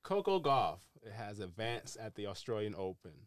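A man co-hosting a casual podcast, telling stories in an animated way. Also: on the low side, moderate pace, clean tone, dry recording, clean studio sound. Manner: animated storyteller. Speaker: podcast co-host. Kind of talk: casual chat.

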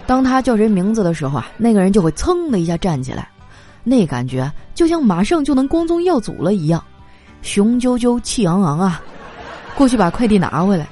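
A woman telling comic stories in a lively, animated way, laughing through her punchlines. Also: medium pitch, brisk, faint music behind, a faint crowd. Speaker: comedy monologue performer. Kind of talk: stand-up style comic storytelling.

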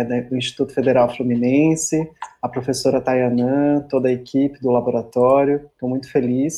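Mellow São woman, low-voiced, reflective. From São Paulo, Brazil. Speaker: guest, university performing arts teacher. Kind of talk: reflective interview talk.

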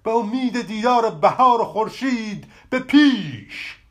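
A man voicing a weary old fisherman in a storybook, calling out loudly. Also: very high-pitched, expressive, pitched above the performer's own voice. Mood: rallying.

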